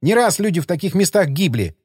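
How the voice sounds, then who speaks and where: A man narrating an audiobook voices a young man who has lost his temper and yells in a strained, wild voice, in a dry studio sound. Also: high-pitched, very animated, brisk, breathy edge, no echo, pitched above the performer's own voice, exaggerated voice. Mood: angry shouting. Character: furious young man on edge, shouting.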